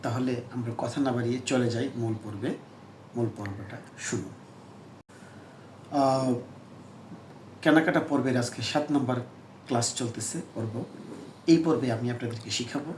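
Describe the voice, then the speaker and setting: Male teacher with a Bangladeshi Bengali accent, slow and deliberate, repeats phrases, echoey room, faint background hum. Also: mid-range voice, darkish tone. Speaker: English teacher. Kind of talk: spoken English lesson.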